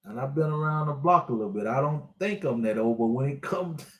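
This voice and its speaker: A man's voice: mid-range voice, fairly quick, roomy sound. A man in his sixties giving a preachy, repetitive motivational talk to his online viewers as a spiritual life coach. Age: 60s.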